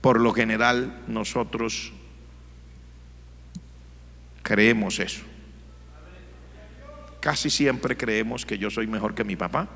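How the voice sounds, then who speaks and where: Gravelly pastor preaching. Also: male voice, lowish voice, measured pace, long pauses, pushed and bright. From Colombia. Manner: storytelling, emphatic, plays the characters. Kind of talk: sermon. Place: church. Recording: long church reverb.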